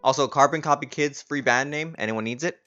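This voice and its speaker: A man's voice: medium pitch, fairly quick, pushed and bright, soft background music. A man streaming a game playthrough, chatting casually and reading game text aloud while hot and tired. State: overheated and tired. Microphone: old home streaming setup. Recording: dull lo-fi stream audio.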